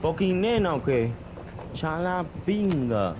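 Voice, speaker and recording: A man's voice: fairly high pitch, sing-song, slow, highs cut off. A man with a Panamanian Spanish accent chatting casually and profanely as he plays a video game. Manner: slangy, profane. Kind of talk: casual gaming chat. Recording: loud gunfire and game noise.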